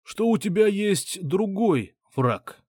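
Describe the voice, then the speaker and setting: A man voicing a shrewd older male ally who speaks slowly and deliberately, in an audiobook. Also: high voice, lively intonation, darkish tone, slightly rough, no echo, clean studio sound, voice pushed up, heavily acted. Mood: measured.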